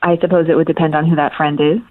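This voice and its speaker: A woman's voice: low voice, level tone, racing, no room sound. A woman heard over a phone line on speakerphone, speaking in a hesitant, guarded way as she takes a call from a radio show.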